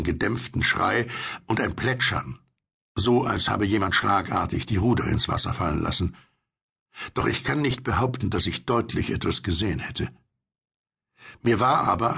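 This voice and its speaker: A man narrating a horror audiobook in a measured, suspenseful way. His voice sits low, with a heavy gravelly rasp and a husky, rough texture throughout. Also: a bit bright.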